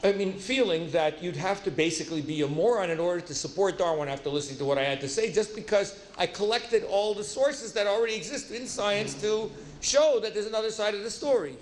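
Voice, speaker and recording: Male lecturer, lively storyteller who acts out dialogue; roomy hall sound. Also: high-pitched, fairly quick, few pauses, a little hiss or hum. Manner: lively, acts out dialogue, self-deprecating asides. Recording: roomy hall with faint ambience.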